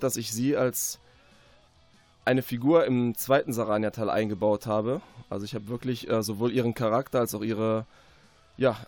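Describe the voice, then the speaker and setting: During a radio interview, an author with a medium-pitched, slightly mellow voice talks in a conversational, reflective way, pausing often as he works out his sentences. There's no echo.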